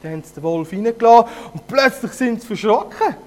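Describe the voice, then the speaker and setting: Man, Zurich Swiss German accent, casual fairy-tale storyteller, high voice, lively, hesitant. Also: brisk.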